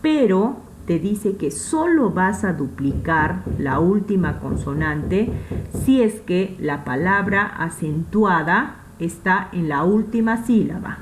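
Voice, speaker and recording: A woman's voice: lowish voice, expressive, takes it slowly, slight background noise, rough recording. A woman with a Peruvian Spanish accent, teaching a recorded English grammar class in a patient way, repeating points and checking that students follow. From Peru.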